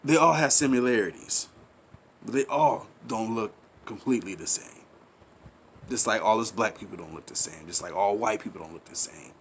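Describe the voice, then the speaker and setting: A fairly low-pitched man speaking at a moderate pace, with a little hiss or hum in the background, hosts a commentary channel. He goes on in a rambling, impassioned monologue, preachy and repetitive, asking rhetorical questions and pressing listeners in casual slang.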